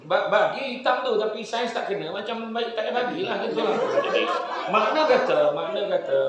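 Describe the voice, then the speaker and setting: A man preaching with a Malaysian Malay accent, giving a humorous religious talk to a live audience, telling animated stories and joking. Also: sits high. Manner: animated joking storytelling, laughs often. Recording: very echoey hall.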